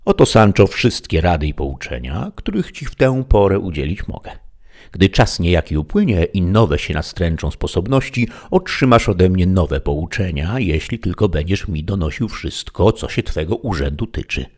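A man's voice: sits low, sing-song, moderate pace, darkish tone, heavily acted. A man voicing an aging idealistic knight who gives solemn, archaic advice and lectures sternly. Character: aging idealistic knight, lofty and quick-tempered.

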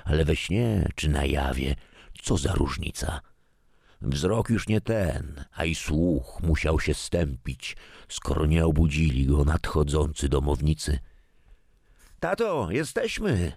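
A man with an extremely deep voice narrates a story in a calm, measured way. He reads slowly and deliberately. The sound is dry and close, with no room echo. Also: gravelly, slightly rough. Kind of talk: scripted narration.

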